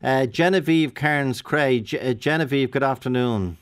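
An Irish man hosting a live radio phone-in, talking briskly and chattily with frequent restarts into a studio microphone. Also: medium pitch, dry recording.

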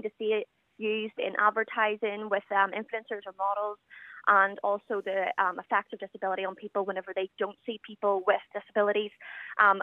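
Calling in to a radio programme, a confident 21-year-old woman with a Northern Irish accent chats away with frequent fillers in a relaxed phone interview. Her pitch is medium. The line is tinny, with no room sound.

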